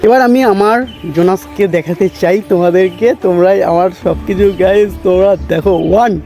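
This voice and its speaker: A man's voice: high voice, fairly even intonation, moderate pace, warm tone, soft background music. A young man vlogging casually to his viewers, telling a story in a chatty way and often calling them brother. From West Bengal, India. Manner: chatty, keeps saying "bhai" and "thik ache". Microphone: handheld camera, self-filmed.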